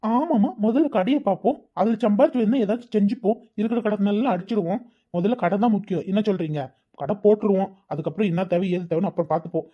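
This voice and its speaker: A voice actor playing a calm grown son and elder brother in a cartoon family comedy, on a dull, muffled recording. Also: male voice, high voice, fast. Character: grown son coming home, young man.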